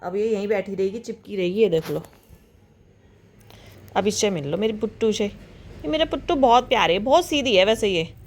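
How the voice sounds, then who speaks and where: A woman's voice: mid-range voice, lively intonation, normal speed, long pauses, a little hiss or hum. A young woman chatting casually in a home vlog, cooing now and then to her pet dog. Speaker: vlogger. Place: at home indoors.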